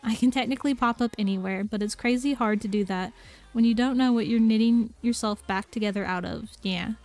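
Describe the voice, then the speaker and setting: Give me a deadpan, flat-toned young woman, as a woman reads her. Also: a little high, brisk, close to an everyday voice. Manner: monotone, tacks "yeah" onto lines.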